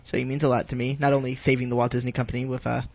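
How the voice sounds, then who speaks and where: A man's voice: medium pitch, little pitch movement, rapid-fire, vocal fry, darkish tone. A man co-hosting a podcast, chatting with dry, wry humor. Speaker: podcast co-host. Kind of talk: casual chat. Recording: dull lo-fi podcast audio.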